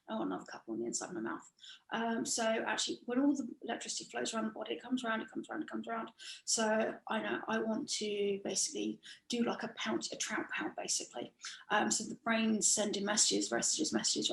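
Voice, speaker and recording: Heard over a video call in an echoey room, a woman with a gravelly, higher-pitched voice appears as a guest expert in an explanatory interview. She's chatty, relying on analogies and repetition.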